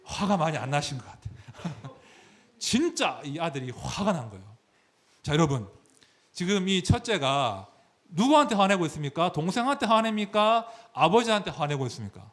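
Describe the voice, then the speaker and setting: A male pastor giving a sermon, his voice fairly high and full of lively rises and falls. He walks the congregation through scripture, often acting out the speakers. The delivery is engaging and explanatory. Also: moderate pace. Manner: animated, explanatory, dramatizes scripture.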